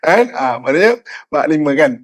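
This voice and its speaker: A middle-aged man with a Malaysian Malay accent preaching a lively sermon, often asking "kan?" and acting out tones of voice. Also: fairly high pitch, normal speed. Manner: animated, often asks "kan?", acts out tones of voice. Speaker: Islamic preacher. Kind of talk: lively sermon with acted examples.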